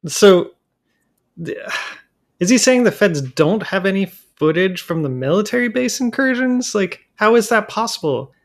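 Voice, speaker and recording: A man's voice: sits high, animated, measured pace. Sarcastic incredulous male co-host. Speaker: podcast co-host. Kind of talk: casual chat.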